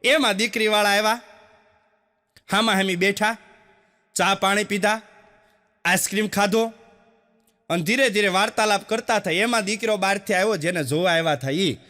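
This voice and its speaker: High-voiced stand-up comedian man. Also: normal speed, pauses often, pushed and bright. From Gujarat, India. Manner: storytelling, acting out villagers and family members in quoted voices. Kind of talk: Gujarati stand-up joke telling. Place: stage show with a live audience. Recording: long hall reverb.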